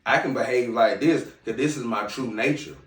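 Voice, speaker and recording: Hosting a casual podcast monologue from a hookah lounge, a man with a slight Southern US twang lectures his viewers head-on in a brash style. He speaks at normal speed with a medium-pitched voice. A distant mic captures him off-mic in a roomy room, music audible behind.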